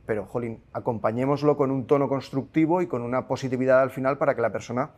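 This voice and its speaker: Male guest, casual chat, mid-pitch voice, halting delivery with repeated words. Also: steady tone, darkish tone. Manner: explains with stammers and repeated words. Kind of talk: casual conversation.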